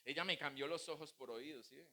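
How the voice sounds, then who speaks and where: A man's voice: on the high side, fairly quick, bright, forceful tone. A male pastor preaching a sermon, mixing humorous family stories with teaching. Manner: humorous, anecdotal preaching with acted quotes.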